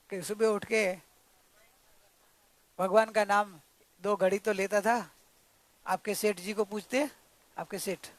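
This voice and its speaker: A man giving a devotional sermon, telling a story in an animated way and asking his listeners questions. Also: extremely high pitch, dry recording. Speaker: spiritual teacher.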